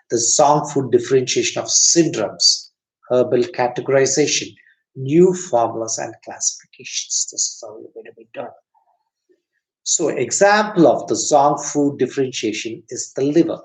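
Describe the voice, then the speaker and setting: Gravelly man lecturing with a Tamil accent. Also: mid-range voice, rough recording. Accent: Tamil-accented English. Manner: repetitive, restarts phrases, explains step by step. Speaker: acupuncture teacher. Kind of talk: classroom lecture.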